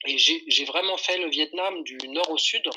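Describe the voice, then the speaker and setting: On a rough recording, a Frenchman in his forties who works as a tour guide and photographer speaks as a podcast guest, explaining his answers informally and with enthusiasm. His voice is on the high side, pushed, bright and slightly rough, at a normal speed.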